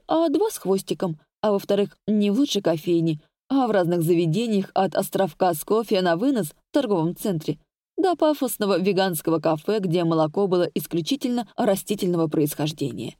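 A woman's voice: lowish voice, warm tone, no echo, studio quality. A woman narrating an audiobook in the first person, in a wry, conversational way.

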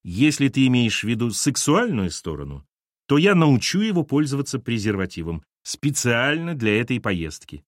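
A man's voice: mid-range voice, sing-song, normal speed, no echo, natural voice. A man reading an audiobook, voicing a weary, sarcastic divorced man with a dry, irritated delivery. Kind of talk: audiobook character voice.

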